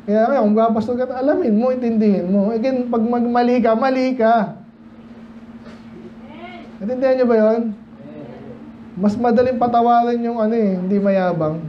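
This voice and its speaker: A man from the Philippines preaching a midweek sermon and Bible study. He talks to the congregation in a loose, digressive way, asks them questions, and slows down to read King James verses. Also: very high-pitched, fairly even intonation. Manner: mixes Tagalog talk with slow King James readings. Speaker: pastor. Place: church. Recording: dull lo-fi church recording with faint noise.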